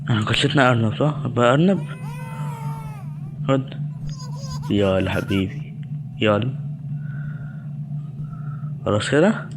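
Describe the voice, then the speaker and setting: A young man with an Egyptian Arabic accent hosts a gaming channel, commentating on a horror game in a medium-pitched, animated voice. He speaks unhurriedly with frequent pauses, gets jumpy, talks back to the game, and mutters prayers when scared. The background is noisy.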